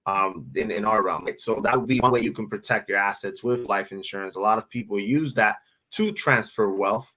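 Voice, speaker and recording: A man in his thirties from the Dominican Republic, speaking as a guest financial advisor in a casual interview, in a relaxed way, often repeating words and asking "right?". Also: on the low side, brisk, rough recording. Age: 30s. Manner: relaxed, repeats words while thinking, asks rhetorical "right?".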